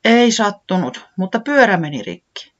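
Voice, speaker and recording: A high, wailing little bunny boy, read aloud by a storyteller, swooping up in a lively way and always close to tears. The sound is dull and lo-fi, like an old storybook tape. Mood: flustered. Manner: wailing, easily weeping. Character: tearful excitable young male bunny.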